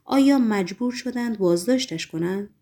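A woman's voice: mid-range voice, warm tone, natural voice. A woman reading a brooding Roman governor. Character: stern Roman governor, middle-aged man, brooding. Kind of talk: audiobook reading.

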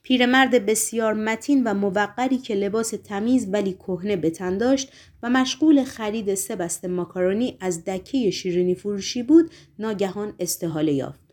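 A woman reading a novel aloud as narrator, measured and expressive. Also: mid-range voice. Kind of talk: audiobook narration.

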